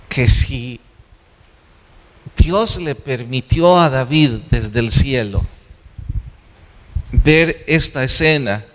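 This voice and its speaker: A male pastor delivers a sermon at an unhurried, deliberate pace, pressing his congregation with questions he answers himself. His voice rings out with a long reverberant tail, as if recorded in a large church sanctuary. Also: medium pitch. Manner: earnest, exhorting, asks and answers his own questions.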